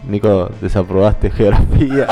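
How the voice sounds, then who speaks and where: A man's voice: fairly low pitch, unhurried, warm tone, soft background music. A man, playing a guessing game on a live stream, thinking aloud and repeating himself.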